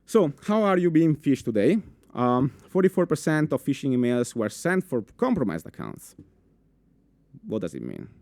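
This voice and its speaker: A young man with an Italian accent giving a live conference talk in a full room, animated, with many fillers and restarts, asking the audience questions. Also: medium pitch, normal speed, vocal fry, no echo. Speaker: conference speaker.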